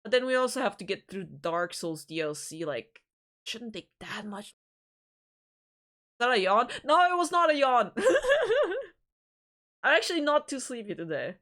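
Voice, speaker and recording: A woman's voice: medium pitch, very animated, measured pace, long pauses, fairly bright tone. A woman hosting a livestream, chatting casually with viewers in a giggly, rambling way, often restarting her sentences. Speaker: livestream host.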